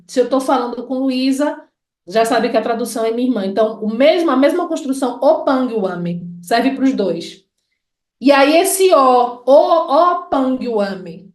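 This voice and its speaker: A Brazilian woman with a Bahian accent, an educator giving a lecture, slowly drawing out her example words. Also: high voice. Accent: Bahian Portuguese. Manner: deliberate, stretches out example words. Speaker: educator and researcher. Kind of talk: lecture explaining linguistics. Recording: echoey room.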